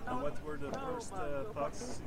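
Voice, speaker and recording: A man's voice: a little high, expressive, measured pace, far from the mic, over a noisy crowd. A man interviewing festival visitors outdoors, asking friendly questions with many fillers. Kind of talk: street interview. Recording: noisy outdoor festival ambience, off-mic.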